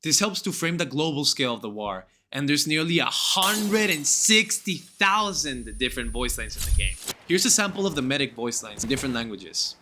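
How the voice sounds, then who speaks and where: A man's voice: mid-range voice, big pitch swings, moderate pace, few pauses, bright, forceful tone, slight background noise. A young man narrating a scripted gaming video in an enthusiastic, gushing and informal way.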